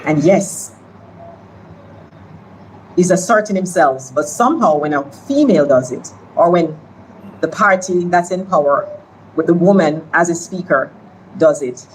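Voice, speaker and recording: A woman delivers a parliamentary speech in a slow, deliberate, lecturing tone. Her voice sits low for a woman, and faint background noise runs under it. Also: animated, poor audio.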